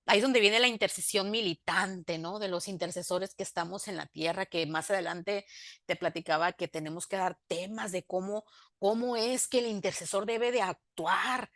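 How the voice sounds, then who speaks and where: A woman's voice: medium pitch, a bit bright, dry recording, clean studio sound. Earnest woman telling her story. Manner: storytelling that acts out both sides of remembered dialogue; earnest and emphatic when preaching. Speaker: interview guest giving a faith testimony. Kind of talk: personal testimony in conversation.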